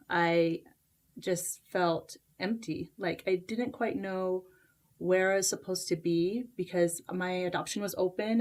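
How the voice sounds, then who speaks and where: A woman from Costa Rica who grew up in Utah, a book author talking as a guest in a casual interview, with many fillers and restarts. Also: fairly low pitch. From Costa Rica, raised in Utah.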